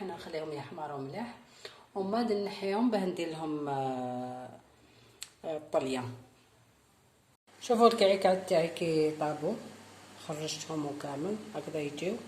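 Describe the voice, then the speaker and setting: A woman's voice: on the low side, a little mellow. Algerian woman teaching a baking recipe. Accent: Algerian Arabic. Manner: talks viewers through each step, repeating instructions. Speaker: baking channel host. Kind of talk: cooking tutorial. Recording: echoey room with faint noise.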